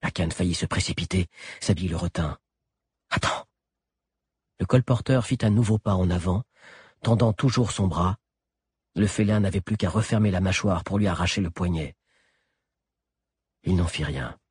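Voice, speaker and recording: A man's voice: low voice, moderate pace, pauses often, darkish tone, breathy edge, no echo, studio quality. A man narrating an adventure story as an audiobook, telling it expressively. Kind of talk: scripted narration.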